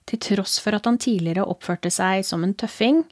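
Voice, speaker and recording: A woman with a Norwegian accent reading a horror story aloud as a podcast host, in a calm, low, steady storytelling voice. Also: no room sound, studio quality. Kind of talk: scripted horror story narration.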